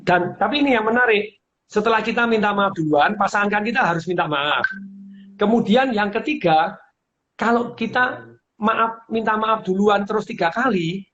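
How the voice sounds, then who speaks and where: A middle-aged man giving casual advice as a guest speaker, animated, laughing often and acting out the lines he quotes. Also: high voice, moderate pace. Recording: dull lo-fi audio with faint hiss.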